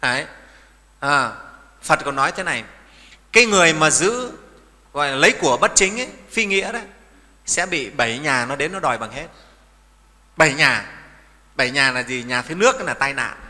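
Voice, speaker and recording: A man's voice: a little high, big pitch swings, a little fast, long pauses, bright, forceful tone, in a large hall. A middle-aged man, a Buddhist monk giving a sermon in a folksy manner, often asking his listeners questions.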